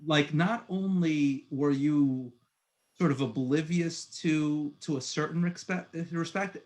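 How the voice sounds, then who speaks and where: A higher-pitched man hosts a podcast, telling stories slowly and casually in conversation. Born in Egypt and raised in Puerto Rico, Queens and Long Island, he narrates animatedly, restarting often and saying "like" a lot.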